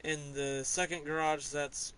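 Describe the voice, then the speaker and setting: A man's voice: fairly high pitch, flat delivery, unhurried, fairly bright tone, slight background noise, poor audio. A man casually talking through his game car collection in a rambling, offhand way, with small hesitations. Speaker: gamer showing his garage. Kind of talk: casual gameplay commentary.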